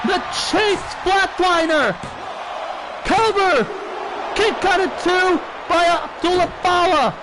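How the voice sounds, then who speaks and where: A man doing excited, dramatic wrestling play-by-play commentary in a shouted delivery. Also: very high voice, slow pace. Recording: noisy recording with loud crowd.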